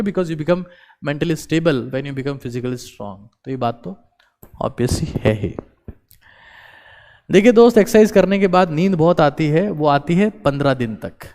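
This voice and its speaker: A man's voice: high voice, darkish tone. A man giving a motivational talk to viewers, urging them on and repeating his key phrases. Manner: exhorting, repeats key phrases, mixes in English. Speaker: motivational speaker. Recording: long reverberant echo.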